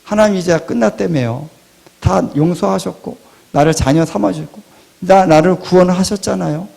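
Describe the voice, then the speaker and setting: Male preacher, fairly high voice with gravel; rises loud, drops to near whispers. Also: moderate pace. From Korea. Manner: rhetorical questions, swings from loud to hushed. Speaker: pastor. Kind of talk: sermon.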